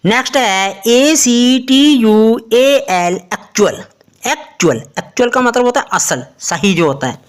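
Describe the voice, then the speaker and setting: Slow, lively Hindi-speaking woman teacher. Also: medium pitch. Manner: slow, spells out letters one by one and asks the listener questions. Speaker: English pronunciation teacher. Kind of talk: explanatory lesson.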